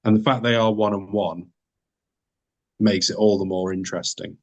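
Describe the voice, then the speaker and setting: A man's voice: lowish voice, fairly even intonation, moderate pace. A man from the UK co-hosting a podcast in casual chat, laid-back with brief answers. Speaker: podcast co-host.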